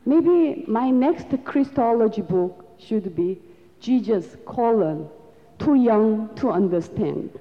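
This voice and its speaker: Speaking slowly and with care, a woman lectures an audience in non-native English with a Korean accent, her slightly high voice carrying lively intonation. Her tone is earnest and reflective. A long hall reverb hangs over the dull-sounding recording.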